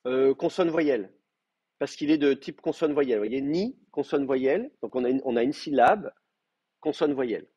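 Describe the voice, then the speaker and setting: A man teaching an advanced Hebrew class, explaining grammar with hesitant pauses, restarts and fillers. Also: medium pitch, animated, mellow, slightly rough, no room sound. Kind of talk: classroom lecture. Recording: muffled, dry classroom recording.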